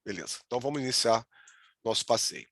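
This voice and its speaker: A man's voice: medium pitch, big pitch swings, fast, gravelly, a bit bright, no room sound, clean studio sound. A man with a Brazilian accent giving an online lecture as a virtual tour guide, often restarting words and checking in with the audience. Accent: Brazilian Portuguese. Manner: hesitant, with frequent restarts and "né?" checks.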